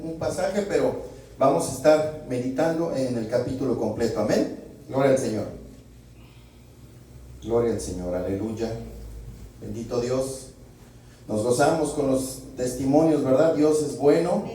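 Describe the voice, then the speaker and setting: A man's voice: mid-range voice, dark tone, a little hiss or hum. A man preaching a sermon and leading prayer with fervor, punctuating his phrases with calls to the Lord. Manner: fervent, peppers phrases with "Señor" and "gloria al Señor". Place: church hall. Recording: echoey hall, mic far off.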